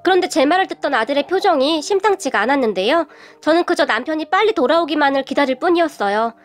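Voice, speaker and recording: High-voiced woman telling a radio story. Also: lively intonation, fast, faint music behind. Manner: plain first-person storytelling. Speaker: narrator.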